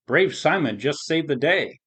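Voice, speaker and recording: A man's voice: a little high, expressive, a little slow, fairly bright tone, husky, voice pushed up, heavily acted. A man playing a genial old pirate captain. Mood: reassuring. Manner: genial, old-fashioned phrasing. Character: kindly old male pirate captain, gentle and polite. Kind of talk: storybook voice acting.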